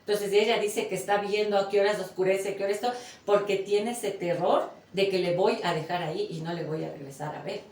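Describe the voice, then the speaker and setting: A woman's voice: medium pitch, steady tone, brisk, a little mellow. Earnest woman from Ecuador, distant roomy mic. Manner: earnest, emotional storytelling. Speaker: guest, daughter caring for her mother. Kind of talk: casual podcast conversation.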